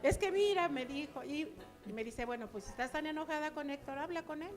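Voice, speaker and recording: High-voiced older woman telling her story. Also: brisk, faint music behind. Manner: chatty, acts out remembered dialogue. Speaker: church member giving testimony. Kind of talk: personal testimony to a congregation.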